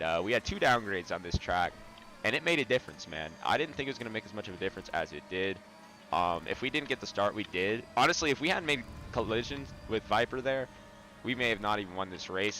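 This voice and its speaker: A man hosting a racing video, talking casually over the gameplay with a relaxed, rambling delivery full of ums. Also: low voice, slight background noise. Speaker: racing video host and commentator. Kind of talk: casual race commentary.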